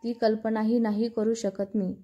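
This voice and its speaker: A woman's voice: fairly high pitch, flat delivery, moderate pace, highs cut off, natural voice. A woman voicing a stern, protective elder sister who scolds and lectures her younger sister. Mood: angry.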